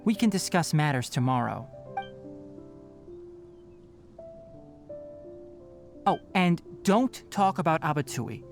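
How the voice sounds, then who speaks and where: A knowledgeable young male researcher in a video game. He is composed and pragmatic, laying things out in articulate, measured phrases. Music plays beneath the voice. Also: fairly high pitch, lively intonation. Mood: firm. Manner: measured, matter-of-fact, articulate. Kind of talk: scripted video game dialogue. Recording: background music under the voice.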